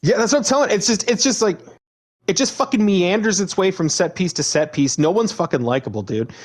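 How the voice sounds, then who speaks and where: A man's voice: sits high, a little fast. A man on a casual movie podcast, ranting and swearing freely. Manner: animated, profane ranting. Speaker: podcast co-host. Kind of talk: casual movie review chat.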